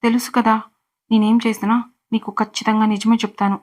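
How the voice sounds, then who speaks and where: A woman's voice: a little high, level tone, fairly quick, darkish tone, lightly acted. A woman voicing a cruel, obsessive young man who threatens coldly in a storybook reading. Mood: threatening. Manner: cold, threatening.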